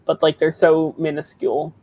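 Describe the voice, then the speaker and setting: A woman's voice: low voice, level tone, normal speed, warm tone, a little hiss or hum. A woman co-hosting a live writing stream, telling stories casually and laughing often. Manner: laughing, anecdotal storyteller. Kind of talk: casual chat.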